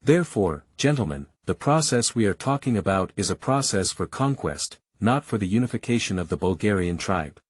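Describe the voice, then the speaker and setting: A man's voice: lowish voice, lively intonation, moderate pace, few pauses, husky. A man reading a historical parliamentary speech aloud in a declamatory, oratorical manner.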